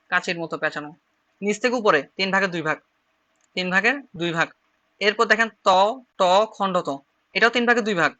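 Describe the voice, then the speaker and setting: A man with a Chittagong Bengali accent teaches an online shorthand class in a high, very bright voice. He drills each point step by step and says it again and again, so the class can follow. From Bangladesh. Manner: repetitive, drilling, step-by-step explaining.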